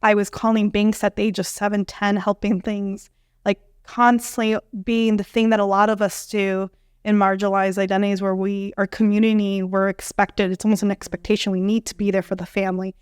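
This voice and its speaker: A young adult woman from a Bolivian family, a dietitian guest telling her story in an animated way, full of fillers and acted-out quotes. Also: mid-range voice, fairly quick, smooth, no room sound, clean studio sound. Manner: animated, many fillers, acts out quoted dialogue. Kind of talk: conversational storytelling interview.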